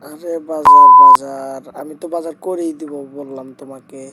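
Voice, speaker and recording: An exasperated Bangladeshi husband, acted by a man, bickers in a domestic skit. He protests and placates in a fairly high male voice, with noticeable noise behind him. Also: steady tone, brisk, lo-fi sound, natural voice. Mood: placating, pleading. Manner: bickering as a couple, protesting and pleading. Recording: loud background noise.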